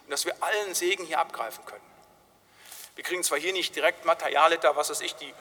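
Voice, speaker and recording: A man's voice: fairly high pitch, quick pace, pushed and bright. A man preaching a sermon as pastor, in a chatty manner that keeps asking "nicht?" and sometimes acts out a crying baby. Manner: conversational preaching, frequent tag "nicht?". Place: church. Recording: long hall reverb.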